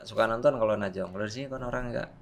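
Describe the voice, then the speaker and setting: A man's voice: lowish voice, rapid-fire, gravelly. A middle-aged man, hosting a casual podcast interview. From Aceh, Indonesia. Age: 30s or 40s. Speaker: podcast host. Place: small podcast studio, indoors. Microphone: desk microphone.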